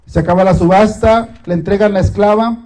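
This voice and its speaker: A male pastor preaching a sermon with dramatic pauses and repetition. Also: sits high, steady tone, dark tone, low-quality recording.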